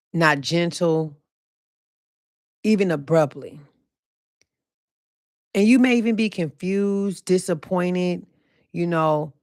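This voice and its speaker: A woman hosting her own podcast, talking casually and loosely about faith, slowing down to repeat her key points with emphasis. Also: sits low, dry recording, studio quality. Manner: slow emphatic repetition of key phrases, casual and profane. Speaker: podcast host. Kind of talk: casual faith-themed monologue.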